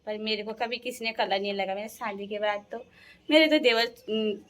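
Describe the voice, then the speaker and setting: A woman's voice: mid-range voice, a bit bright. A young woman from the Uttarakhand hills, chatting casually to her viewers as a vlogger and laughing often. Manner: chatty, laughs often, sings folk songs slowly. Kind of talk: casual storytelling.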